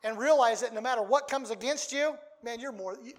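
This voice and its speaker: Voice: medium pitch, a little fast. A preacher delivering a sermon, reading scripture aloud and driving points home by repeating key phrases.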